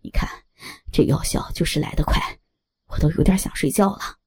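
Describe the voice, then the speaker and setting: A woman voicing a young apologetic, doting husband in a lowered, hushed, breathy voice for a spoken story. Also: moderate pace. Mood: sheepish, drowsy.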